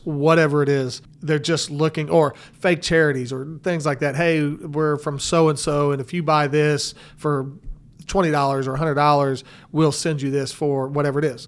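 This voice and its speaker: A man with a fairly high speaking voice talks through warnings in an easy, conversational way. He sounds earnest and cautionary, a financial advisor who keeps circling back to the same points. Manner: earnest, cautionary, repeats "again" often. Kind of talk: casual advice chat.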